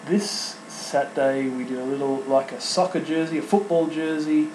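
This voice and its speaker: An Australian man in his thirties hosting an unscripted solo podcast, chatty and sentimental, talking in halting bursts full of restarts and fillers. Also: on the high side, echoey room, noisy background. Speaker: podcast host. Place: home studio.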